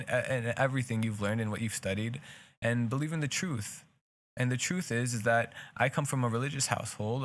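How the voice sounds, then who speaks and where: Co-hosting a relaxed podcast, this young native Hebrew speaker has a mid-range voice and a Hebrew accent. His earnest talk runs on at length, rambling and often restarting.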